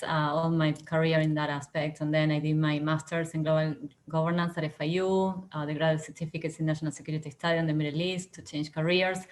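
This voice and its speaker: A woman from Argentina, a graduate student, introducing herself on a video call with many pauses. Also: low-pitched. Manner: measured, many pauses and fillers.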